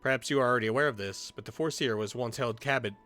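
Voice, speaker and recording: A man's voice: mid-range voice, rapid-fire, pushed and bright, soft background music, close to an everyday voice. A man reading the lines of a stern port city military officer from a fantasy game, in a formal, report-like delivery close to his own voice.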